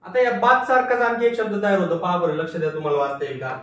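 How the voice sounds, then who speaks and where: High-voiced male teacher in echoey room. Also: animated, quick pace, fairly bright tone. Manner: patient, repeats each word and asks pupils to read along. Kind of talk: phonics lecture. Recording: echoey room from far off, faint noise.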